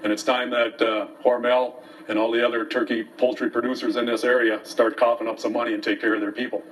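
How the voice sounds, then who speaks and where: A man's voice: medium pitch, level tone, fast talker. Blunt man, distant mic. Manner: blunt, aggrieved, folksy. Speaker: host of a local commentary show. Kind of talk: opinionated monologue to viewers, partly read from papers. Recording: distant mic, faint background noise.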